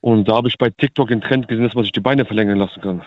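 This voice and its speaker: A man's voice: fairly low pitch, very fast, dry recording. A man in his twenties calling in over the phone to a talk show, speaking hesitantly and self-consciously. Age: 20s. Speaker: caller. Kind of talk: casual phone-in chat. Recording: tinny dry phone line.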